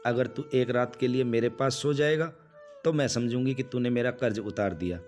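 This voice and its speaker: A man voicing an old mother in a spoken story, talking softly and slowly. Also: mid-range voice, slight background noise, close to an everyday voice. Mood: gentle. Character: old mother, patient and loving, finally stern.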